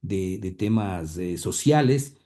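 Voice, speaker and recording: Deep and mellow, the man's voice is animated, though he takes his time as he tells his family's history. He's the radio pioneer's grandson, a guest in a conversational storytelling interview, and he often hesitates with fillers and repeated words.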